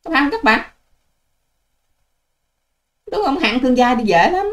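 A woman's voice: high-pitched, big pitch swings, measured pace, fairly bright tone. An older woman, hosting her own channel in a combative, scolding and sarcastic vlog rant to her viewers. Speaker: online channel host. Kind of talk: ranting vlog monologue to viewers.

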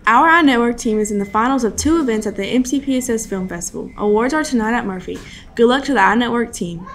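A teenage or young adult high school student reads scripted morning announcements to camera, speaking into a desktop microphone at a desk in a small studio. Her voice sits on the high side.

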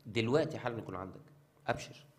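Deep-voiced Egyptian man answering from afar. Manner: obliging, quick to agree.

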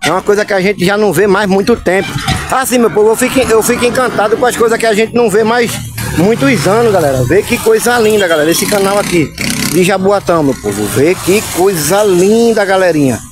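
A fairly high-pitched man with a northeastern Brazilian Pernambuco accent, talking casually to his viewers as he walks outdoors through town. He keeps turning to the audience with familiar calls as he goes. Music plays clearly behind him, and street traffic adds noise. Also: fast talker. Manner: chatty, keeps calling viewers "my people" and "gang". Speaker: vlogger and channel host. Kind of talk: casual vlog chat to viewers.

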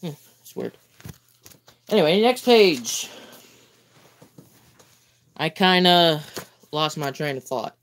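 A man's voice: a little high, lively intonation, slow, pauses often, a bit bright. A sleepy young man hosting a casual live stream, reading a book aloud and breaking off with goofy, chatty asides. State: sleepy, yawning.

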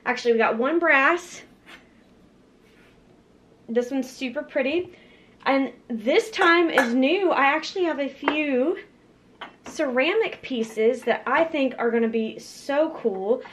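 A young lifestyle vlogger talks upbeat and casual to a camera held close at arm's length in her home kitchen, her speech full of "like" and "um." Her voice sits high, with some background noise.

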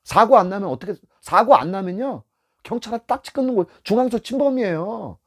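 Animated middle-aged man giving blunt tips. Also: high voice, fairly quick. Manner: animated, acts out scenes from the road; blunt, repeats key advice. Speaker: taxi driver giving tips to beginners. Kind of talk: casual spoken lesson.

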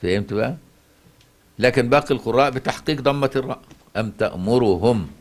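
A man's voice: medium pitch, fast. Egyptian man teaching Quran recitation. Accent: Egyptian Arabic. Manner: rhetorical questions, leans on repeated words. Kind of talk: explaining Quran recitation to a student.

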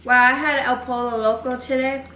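Young woman, co-host, casual, hesitant, slangy, high pitch. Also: steady tone, fairly quick, sharp tone, dull audio, slight background noise. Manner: laid-back, unsure, slangy. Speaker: co-host, host's daughter. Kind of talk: casual food-review chat.

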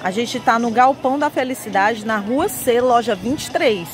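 Music plays behind a woman presenting a shopping vlog from an indoor market's lingerie stall. She has a Northeastern Brazilian accent and a fairly high, animated voice, speaking at a moderate pace in a chatty, enthusiastic sales manner as if talking to friends.

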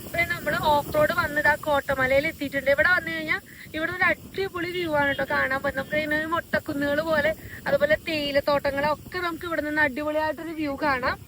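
Over clear ambient and vehicle noise, a very high-pitched woman presents a casual vlog on location. She speaks fast and chattily, showing viewers around. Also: fairly even intonation, sharp tone, low-quality recording. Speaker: travel vlogger.

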